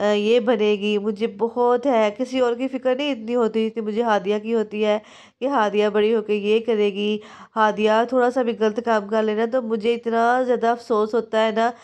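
A woman in her thirties with a Pakistani Urdu accent chats casually in a home cooking vlog and voice-over, recorded indoors in a small room at home. Her fairly high, slightly mellow voice is hoarse from a sore throat and cold, and her tone is homely and confiding.

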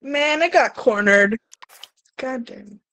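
Young woman, gaming on stream, high voice, swears and shrieks, slow drawn-out delivery. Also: expressive, heavy background noise. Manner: yelps, swears and laughs while playing. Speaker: co-player. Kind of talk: live-stream gaming chat.

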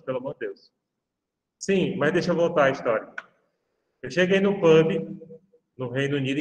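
A man with a Brazilian Portuguese accent, a law professor giving a university lecture and speaking straight to his students in a chatty way. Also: fairly high pitch. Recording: reverberant room, voice far from the mic.

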